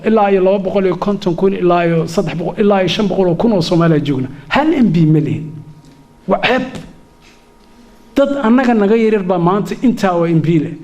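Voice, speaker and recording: A man with a Somali accent delivers an impassioned speech at a community event, with frequent stops and restarts. His voice sits high for a man. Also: darkish tone. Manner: switches between two languages, fervent with many restarts. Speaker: community speaker.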